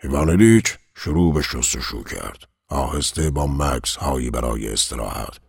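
Very deep gravelly male narrator. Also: animated, no room sound, clean studio sound. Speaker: audiobook narrator. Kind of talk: scripted narration of a novel.

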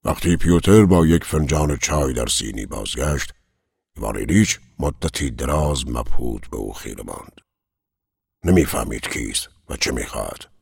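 A man narrating a novel in a measured, solemn way. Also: a bass voice, animated, vocal fry, a little mellow, husky, no echo, clean studio sound. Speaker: audiobook narrator.

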